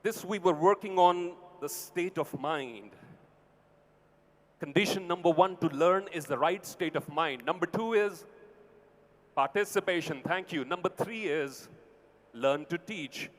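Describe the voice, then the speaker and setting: A man's voice: a little high, unhurried. A man with an Indian accent giving a motivational talk to a large audience, teacherly, in short punchy phrases with prompting questions. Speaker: motivational speaker. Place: large event venue with long reverb. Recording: hall PA with long reverb.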